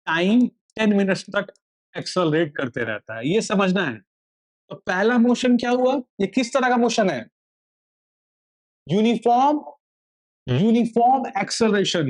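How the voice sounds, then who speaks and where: A man teaching a physics lesson, asking questions aloud and answering them himself, slipping English phrases into his explanation. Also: high-pitched. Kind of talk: classroom lecture.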